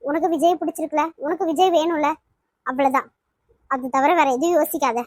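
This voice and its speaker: A woman's voice: sits high, a little fast, darkish tone, no room sound, studio quality, lightly acted. Woman voicing a caring young woman friend. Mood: soothing. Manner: soothing, reassuring. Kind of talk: cartoon voice acting.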